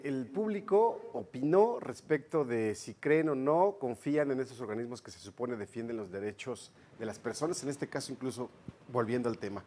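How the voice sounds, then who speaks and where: A man's voice: medium pitch, darkish tone, a little hiss or hum. A man with a Mexican accent moderating a TV panel discussion, asking questions in a casual, slangy way. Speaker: TV panel host.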